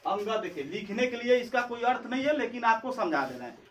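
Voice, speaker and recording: A man's voice: very high-pitched, sing-song, fairly bright tone, a little hiss or hum. A male teacher giving a classroom lesson, asking questions and answering them himself, saying sounds one at a time. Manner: drills by asking and answering his own questions; says sounds slowly one by one. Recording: echoey room, far from mic.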